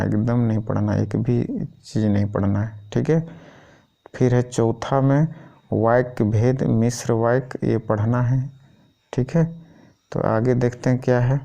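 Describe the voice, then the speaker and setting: A man with a medium-pitched, gravelly, dark-toned voice works through a school syllabus item by item. His teaching is informal, and he keeps checking in with the listener by repeating "thik hai."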